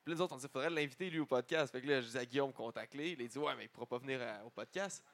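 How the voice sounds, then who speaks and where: A man with a middle-pitched voice and a Quebec French accent. He talks like a podcast host in casual banter with friends, loose and informal. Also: racing, fairly bright tone.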